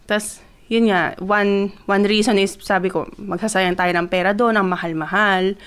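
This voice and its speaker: A woman's voice: mid-range voice, normal speed, clean tone. A young woman from the Philippines, telling a personal story in a casual vlog and mixing Tagalog and English with lots of fillers. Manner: grows excited as she retells. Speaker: vlogger.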